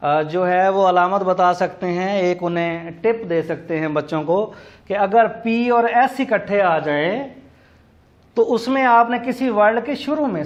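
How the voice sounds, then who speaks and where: A man giving a recorded lecture on teaching English words, explaining slowly and spelling words out letter by letter. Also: high voice. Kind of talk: classroom lecture. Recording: dull lo-fi recording.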